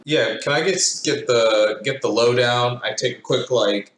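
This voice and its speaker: A man's voice: medium pitch, unhurried, fairly bright tone, slight background noise. A man playing a tabletop game, who speaks casually and hesitantly. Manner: casual, hesitant, with many "uh" fillers. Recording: echoey room with faint ambience.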